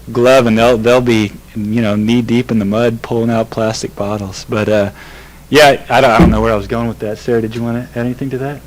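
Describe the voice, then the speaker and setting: This young man speaks in a casual, rambling way, upbeat and loose, with frequent fillers. He is addressing a city council chamber, with his voice pitched in an ordinary middle range. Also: poor audio. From California. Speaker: river trip leader. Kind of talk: informal public remarks.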